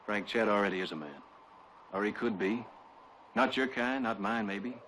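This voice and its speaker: An actor playing a calm, reasoning young ranch hand in a 1960s TV western. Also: male voice, fairly low pitch, normal speed, slight background noise, close to an everyday voice, low-quality recording.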